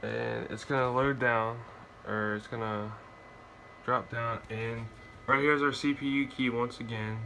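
Man on a handheld phone recording, flat-voiced. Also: medium pitch, measured pace, creaky, a little hiss or hum. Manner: loose and rambling, full of ums and uhs. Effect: recorded on a handheld phone camera. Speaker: tutorial maker. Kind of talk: casual how-to walkthrough. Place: dark room at home with the console. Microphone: phone held while filming.

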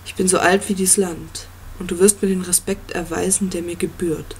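A reader voicing an ancient, commanding yew-tree monster in an audiobook, with a slow, stately delivery. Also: mid-range voice, little pitch movement, a little hiss or hum, lightly acted. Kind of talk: audiobook reading.

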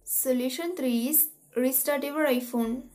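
A woman with a high voice reads out a tech tutorial step by step. Her delivery is even and methodical. Soft music plays faintly underneath. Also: measured pace. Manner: even, methodical instruction reading. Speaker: tutorial host.

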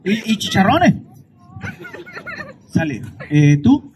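A man's voice: high voice, big pitch swings, takes it slowly, a little hiss or hum. A Mexican man hosting a children's contest as a street comedian, teasing with mock-dramatic outbursts on a handheld mic. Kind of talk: comic crowd banter with a mic.

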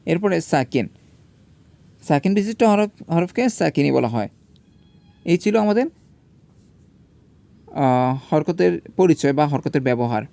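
A man gives a step-by-step grammar lesson in a mellow, slightly higher voice. He spells out each letter and vowel mark slowly. He poses his own questions and answers them at once. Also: lively intonation, creaky, no echo. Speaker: teacher.

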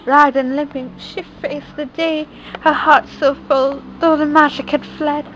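High-voiced woman reading a rhyming picture book. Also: unhurried, dull audio, slight background noise. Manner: lively sing-song rhyming delivery. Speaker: reader.

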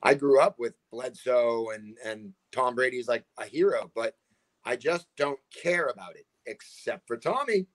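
Speaking over a webcam from a room in his home, a Massachusetts man who promotes combat sports chats casually as a video call guest. His mid-range voice is unhurried with lively intonation, and he rambles, repeatedly saying "you know what I mean."

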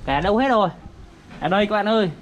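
Standing outdoors by a garden fish pond, a northern Vietnamese vlogger for young children does casual show-and-tell in simple, repetitive, toddler-directed talk. He's high-pitched, expressive and fast, and the recording is muffled with slight background noise.

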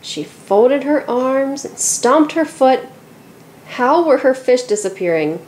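A woman reading a children's picture book aloud, telling the story in a lively and expressive way. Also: high-pitched, takes it slowly, rough recording. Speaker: storybook reader.

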